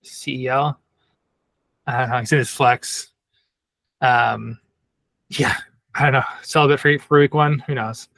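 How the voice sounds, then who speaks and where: A man's voice: mid-range voice, steady tone, unhurried, vocal fry, long pauses, fairly bright tone. A man appearing as a guest on a sports podcast, talking loosely and hedging with fillers. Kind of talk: casual chat.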